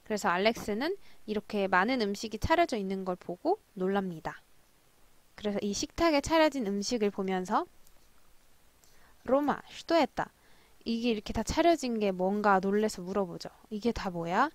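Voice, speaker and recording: A young woman teaching Russian from drama scenes, who slowly spells out words and repeats drills. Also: mid-range voice, animated, no echo. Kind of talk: language lesson explaining drama lines.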